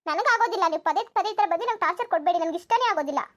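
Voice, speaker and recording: A woman's voice: very high voice, animated, very fast, highs cut off. A woman voicing a lazy, sleep-loving young daughter-in-law in a cartoon comedy, cheeky and argumentative. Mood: arguing. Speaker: narrator addressing viewers.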